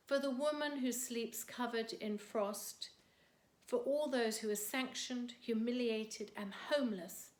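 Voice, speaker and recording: A woman reading her own poems in a measured, earnest way, dropping softer on the heaviest words. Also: fairly high pitch. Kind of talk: poetry reading. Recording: roomy echo.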